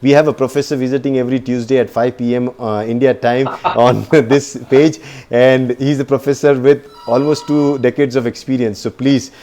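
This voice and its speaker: A man of middle pitch hosts a live-stream business talk. He is chatty and effusive, and he often pauses on fillers. He is full of praise and thanks. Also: steady tone, mellow.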